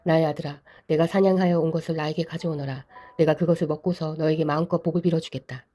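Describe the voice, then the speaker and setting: A woman's voice: low-pitched, steady tone, quick pace, warm tone. A woman reading the lines of an aged, solemn patriarch father in a Bible reading.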